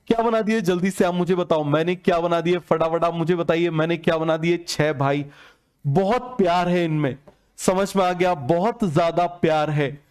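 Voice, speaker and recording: A male teacher giving a lively lesson, often asking listeners if they understood and acting out family conversations. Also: on the high side, normal speed, smooth. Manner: keeps asking "samajh mein aa gaya?", quizzing listeners; acts out dialogue between father and son. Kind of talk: classroom lecture with acted-out stories.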